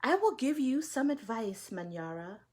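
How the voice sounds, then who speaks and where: A woman voicing a wise old woman who gives advice slowly and quietly. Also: on the high side, very animated. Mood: calm advising. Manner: slow, hushed counsel.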